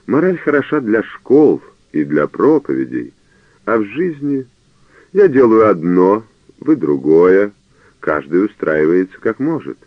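A man voicing a cornered young male priest who talks with feigned calm and snaps back, on a narrow phone-like radio recording. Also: lowish voice, dry recording, exaggerated voice.

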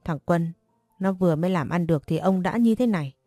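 Woman playing a shrill, wailing middle-aged mother. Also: a little fast, mellow, no room sound, studio quality, soft background music. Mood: scolding. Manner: shrill scolding, cursing.

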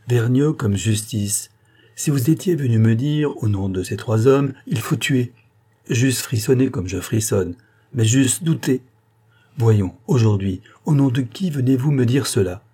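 A man's voice: on the low side, mellow, slightly rough. A man reading the part of an earnest male doctor in an audiobook, firing off indignant, pleading questions.

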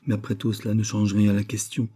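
A man's voice: fairly low pitch, completely flat delivery, fast, warm tone, breathy edge. A male reader voicing Gertie, an earnest, kindhearted young woman who worries and stumbles over her words. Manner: earnest, flustered.

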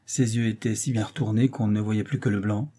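Old worried servant guy, fretful and shaken, husky mellow voice, pitched up a bit, as a man reads him. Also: fairly even intonation, a little fast, lightly acted. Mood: distressed. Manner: agitated, fretful telling. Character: old distressed male servant of a duke.

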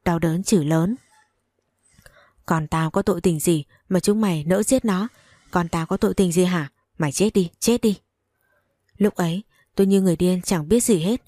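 Low mellow woman reading a novel. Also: no echo, studio quality. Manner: emotional, dramatic storytelling. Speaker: audiobook reader. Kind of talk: first-person novel narration.

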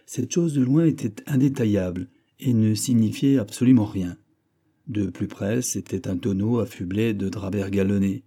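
A man reading a classic novel aloud in a measured, steady narration. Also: lowish voice. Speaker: audiobook reader.

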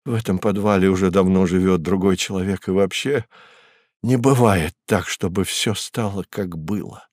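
A weary, gentle writer, bewildered by what he sees, as a man voices him in an audiobook. He speaks softly, hushed and hesitant, in a lowish voice. It is recorded dry and close. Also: steady tone, moderate pace, no echo.

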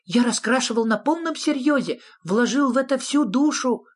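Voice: medium pitch, fairly even intonation, moderate pace, a bit bright, voice pushed up, lightly acted. A reader voicing a small, anxious, eager male creature who pleads nervously and is close to tears, in an audiobook. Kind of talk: audiobook reading.

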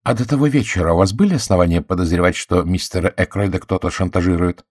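A man voicing a shrewd, courteous middle-aged detective who questions in a gentle, self-assured way, in an audiobook. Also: low-pitched, fast talker, breathy edge, no echo, clean studio sound. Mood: probing. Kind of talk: audiobook character voice.

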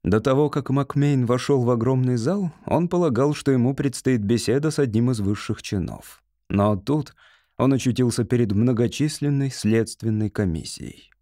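A man narrating an audiobook in an even, steady reading voice. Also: medium pitch, moderate pace, dry recording, clean studio sound. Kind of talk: scripted narration.

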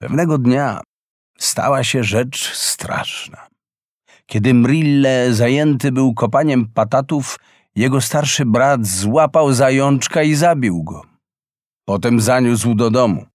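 A man narrating a fairy tale in an expressive, unhurried reading. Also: mid-range voice, no echo, clean studio sound. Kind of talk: storybook narration.

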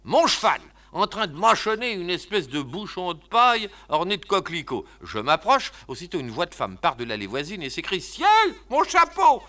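A man voicing an excitable, flustered young bridegroom in a one-man reading of a stage comedy, talking fast and exclaiming. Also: high voice, heavily acted. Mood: storytelling. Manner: rapid, exasperated, exclamatory.

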